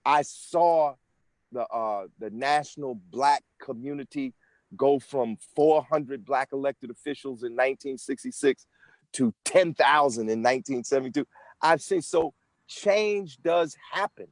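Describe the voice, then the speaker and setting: A man's voice: mid-range voice, unhurried, dry recording. Sixties man explaining earnestly, dry sound. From United States. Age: 60s. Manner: earnest, explanatory, with frequent restarts. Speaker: interview guest, senate candidate. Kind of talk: conversational interview answers.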